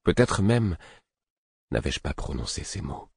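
Low, husky man narrating first-person fiction, expressive and dry. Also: a little slow, no room sound. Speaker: audiobook narrator.

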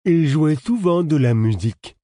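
A big, simple-minded man who whines like a scared child, his voice pitched high and bright with worry, a male narrator doing him. He sounds wary of everything around him. The reading is dry and close to the mic. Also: animated, measured pace, dry recording. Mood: dreamy. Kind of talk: audiobook character voice.

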